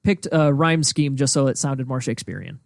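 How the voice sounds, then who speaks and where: A man's voice: mid-range voice, animated, fairly quick, creaky, no echo, clean studio sound. A man co-hosting a casual podcast chat, self-deprecating and patiently explaining. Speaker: podcast co-host.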